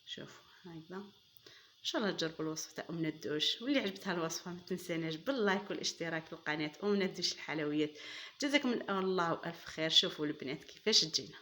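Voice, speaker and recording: Very fast and expressive, this woman's lowish voice sounds pushed and bright, with a bit of hiss or hum underneath. She has an Algerian Arabic accent and hosts a casual cooking demonstration, chatting to viewers she calls "girls" and praising the food with enthusiasm.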